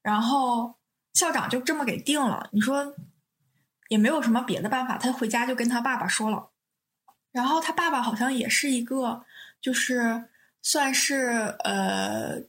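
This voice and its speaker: A young woman who casually retells the plot of a TV drama, rambling, correcting herself and laughing. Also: a little high.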